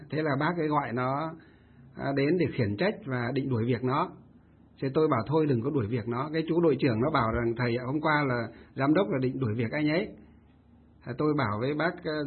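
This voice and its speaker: A male Buddhist monk telling a story in a sermon, getting animated when he stresses a point. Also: fairly high pitch, slightly rough. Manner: animated storytelling, rising with emphasis. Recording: tinny phone-like radio sound.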